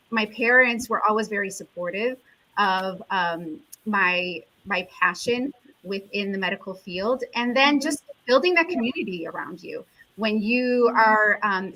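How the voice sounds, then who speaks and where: A woman's voice: medium pitch, bright, forceful tone, poor audio. A woman from the United States, an endocrinologist, giving an earnest, reflective interview answer with frequent fillers. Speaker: endocrinologist guest.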